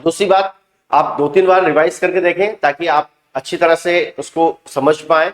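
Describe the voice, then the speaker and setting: High-voiced man teaching English grammar. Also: fairly even intonation, reverberant. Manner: explains slowly, repeats example sentences with emphasis. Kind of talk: spoken grammar lesson.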